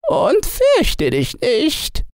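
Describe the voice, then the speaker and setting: A man voicing a small, grateful and kind sea turtle in a storybook, speaking in a high, slow and formal singsong. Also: huge pitch swings, dry recording, studio quality, heavily acted. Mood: gentle.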